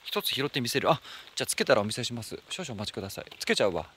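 A man chats casually on a live stream, reading out and thanking viewer comments as he goes. His pitch swings widely, and he breaks into soft, high squeals. He is outdoors at night in the rain, speaking into a handheld phone. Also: very animated, racing, a little hiss or hum.

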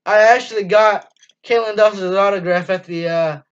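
A teenage boy runs a fan channel and delivers a casual postgame review monologue from a small, dim room. His voice is high, with fairly even intonation, normal speed and a smooth flow, and he talks enthusiastically with plenty of ums and restarts. The webcam audio is dull and lo-fi.

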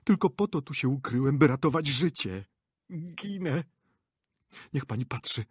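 A man's voice: fairly high pitch, animated, a little slow, husky, dry recording, clean studio sound, pitched above the performer's own voice. A man voicing a cowardly old theatre director who pleads in a trembling, lisping whisper. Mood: pleading.

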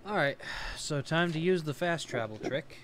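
A man's voice: on the high side, expressive, moderate pace. A young man hosting a let's play, casually talking through each step of his game aloud as he goes. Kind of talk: casual gameplay commentary. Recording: faint background hiss.

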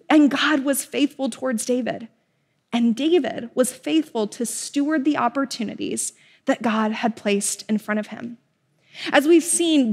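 A woman in her thirties preaching an earnest, expressive sermon with emphatic repetitions, filmed in a bright studio. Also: high-pitched, in a large hall. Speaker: pastor. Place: bright studio with a large projected slide.

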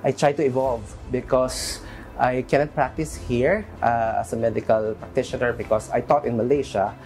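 A Filipino man in his thirties, seated on a sofa in a bright studio room, speaks earnestly as an interview guest, mixing English and Filipino and restarting often. His mid-range voice is steady and a little mellow at normal speed, with music beneath it and slight background noise.

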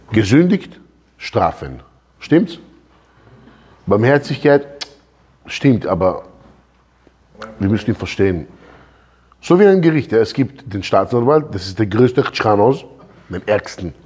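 Man rabbi teaching a class: lively swings in pitch, husky edge, keeps quizzing the room. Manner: animated, questions the listeners directly. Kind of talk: religious lesson.

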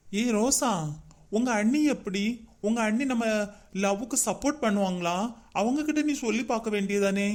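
Brief: cartoon young man, in love, quick to anger, very high-pitched, played by a man. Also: darkish tone, close to an everyday voice. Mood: fond.

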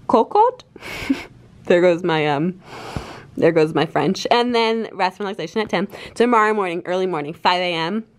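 A woman's voice: medium pitch, rough recording. A young woman vlogging casually, bubbly and rambling with lots of fillers, talking to a handheld camera. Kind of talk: casual vlog chat. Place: hotel room and travel.

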